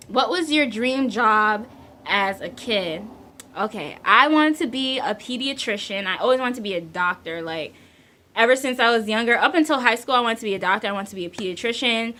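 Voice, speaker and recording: A woman in her twenties from Central New Jersey with a light local accent, chatting playfully about herself in a casual vlog, laughing often and filling pauses with ums. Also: a little high, pushed and bright, slight background noise. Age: 20s. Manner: says she is shy. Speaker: vlogger. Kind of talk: casual chat answering tag questions.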